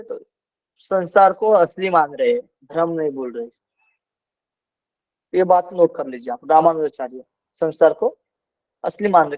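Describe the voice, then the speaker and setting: A man's voice: sits high, no echo, dull audio. A male teacher giving an online philosophy class, explaining patiently and repeating key points.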